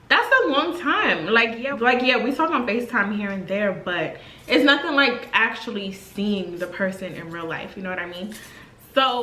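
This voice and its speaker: Young woman, 20s, vlogger, casual storytime delivery, chatty and slangy, voice a touch high, echoey room. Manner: chatty and expressive, heavy slang and fillers.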